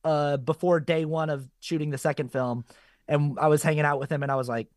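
A man's voice: a little high, fairly quick, no room sound, clean studio sound. A man who is a guest actor chatting casually on a podcast and telling stories with energy. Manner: animated storyteller, quotes others in lively voices.

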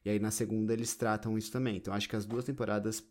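Man, Brazilian accent, lower pitch, relaxed, casual podcast talk. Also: racing. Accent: Brazilian Portuguese. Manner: relaxed, fond of "tipo" fillers. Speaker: podcast co-host. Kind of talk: casual chat.

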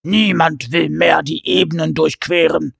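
A big, sulky storybook giant, played by a male narrator, whining like a child begging at the zoo. His voice is raspy and gravelly and sits higher than usual. The sound is close and dry. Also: fairly even intonation, unhurried, a bit bright, no echo, heavily acted.

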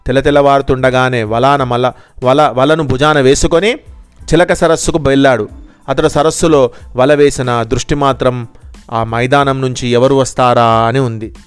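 Smooth-voiced man narrating a children's story. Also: mid-range voice, steady tone, moderate pace, no echo, faint music behind.

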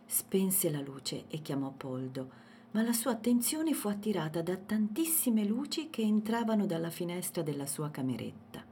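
A woman narrating a children's storybook in a gentle, expressive way. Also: lowish voice, normal speed, a little hiss or hum.

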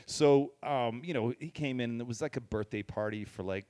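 A man's voice: medium pitch, brisk, a little mellow. A man co-hosting a podcast, telling a story in casual chat and rambling with many fillers. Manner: rambling, lots of "you know" and "like". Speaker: podcast co-host.

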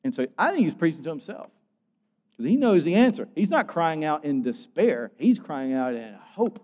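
An older man preaching a conversational sermon as pastor, lively and animated, acting out quotes in his own voice. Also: a little high, normal speed. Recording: dull sound with long hall reverb.

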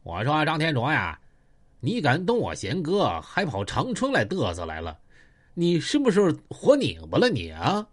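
A gruff, hot-tempered thug, voiced by a male storyteller. He talks belligerently, and his pitch moves with great animation. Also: huge pitch swings, moderate pace. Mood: taunting. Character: hot-tempered limping male gang member.

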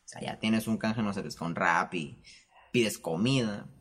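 A young man with a Peruvian Spanish accent tells stories to camera in a casual, animated way. He laughs often and swears freely. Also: on the low side, a little slow, slightly rough. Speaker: vlogger. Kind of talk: casual storytelling monologue. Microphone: camera setup with microphone.

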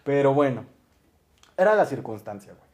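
A man's voice: mid-range voice, very animated, normal speed, a little mellow. A young Mexican man with a Mexican accent telling a story in casual chat, acting out quotes, laughing often and full of slang.

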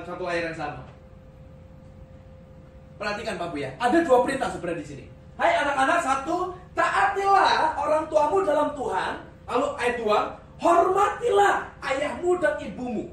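A male pastor delivers a sermon with a swinging, animated pitch, joking and dropping English phrases into his speech. His voice sounds from some way off the mic, filling an echoey church hall with a faint hum behind it. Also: brisk, far from the mic.

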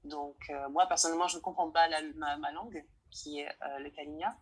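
A young woman from French Guiana with a low, husky voice answers interview questions. She speaks hesitantly and often stops to find the right word. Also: fairly even intonation, a little fast, low-quality recording. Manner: hesitant, searching for words.

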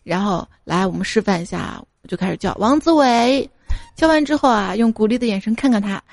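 A woman hosting a show, reading out funny listener stories in a lively way and mimicking the children in them. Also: mid-range voice, brisk, creaky, no echo. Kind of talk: humorous story reading. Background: faint background music.

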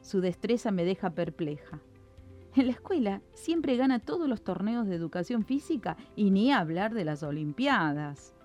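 A woman reading a children's story in an expressive, lilting way, with faint music behind. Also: mid-range voice, moderate pace.

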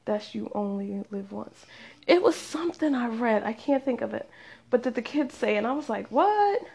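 A woman's voice: on the high side, moderate pace, creaky, darkish tone, slightly rough. A woman in her thirties chatting casually as a vlogger, rambling and self-mocking and often breaking into laughter. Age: 30s. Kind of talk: casual chat.

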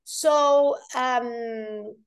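A woman's voice: on the high side, extremely slow, clean tone. A woman from Portugal, a guest telling her story earnestly and with many restarts. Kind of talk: casual interview chat.

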